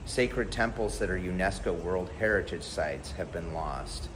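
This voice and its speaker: A man's voice: deep voice, lively intonation, measured pace. A man from the United States giving an earnest, blunt and emphatic spoken commentary to camera. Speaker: vlogger. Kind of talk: impassioned direct-to-camera commentary. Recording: background noise clearly audible.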